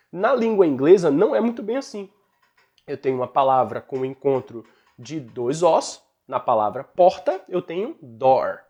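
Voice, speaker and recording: A man's voice: on the high side, darkish tone. A man with a Brazilian Portuguese accent teaches an online English lesson in an encouraging, explanatory way.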